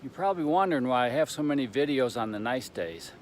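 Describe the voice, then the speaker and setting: A man giving a casual, unscripted hiking update outdoors, rambling along with halting pauses. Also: mid-range voice, expressive. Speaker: hiker vlogger on a long trail. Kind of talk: casual, unscripted trail vlog. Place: outdoors on a mountain trail. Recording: outdoor ambience with clear background noise.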